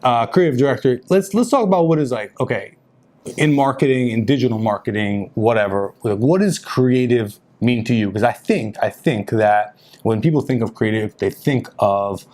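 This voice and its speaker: A man hosting a casual podcast, upbeat and chatty, with plenty of fillers. His voice sits at an ordinary middle pitch. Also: moderate pace, darkish tone. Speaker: podcast host.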